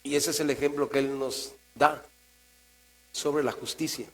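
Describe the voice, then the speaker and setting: Mexican-accented male pastor, mid-pitched, conversational preaching that swings quiet to emphatic, low electrical hum under it. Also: fairly even intonation, unhurried, poor audio. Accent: Mexican Spanish. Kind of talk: sermon. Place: church. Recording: mains hum in the background.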